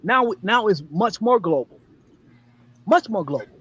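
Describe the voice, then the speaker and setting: A man's voice: high voice, expressive, unhurried, slightly rough. A man in a heated, casual sports debate, emphatic and argumentative, swearing and repeating himself, on dull lo-fi audio.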